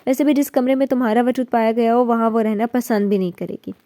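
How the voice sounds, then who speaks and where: A woman voicing a cold, curt young husband in a storybook reading, blunt and flatly dismissive. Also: fairly high pitch, no room sound, lightly acted.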